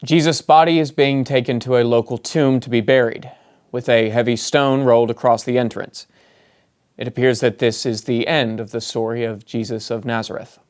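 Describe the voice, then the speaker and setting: A man's voice: mid-range voice, steady tone, moderate pace, natural voice. An actor playing an earnest, dramatic male breaking news anchor in a comedy sketch, with an urgent announcer delivery. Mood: grave.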